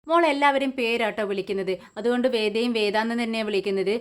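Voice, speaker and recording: A woman's voice: a little high, fast. Woman casually retelling a TV serial. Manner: conversational with frequent restarts. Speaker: serial review narrator. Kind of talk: casual plot retelling voice-over.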